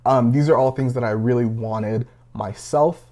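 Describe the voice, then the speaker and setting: A nineteen-year-old gear reviewer casually talks through a pocket knife, rambling with plenty of fillers and sounding a little out of breath. His voice is warm, medium in pitch, and moves at a normal speed.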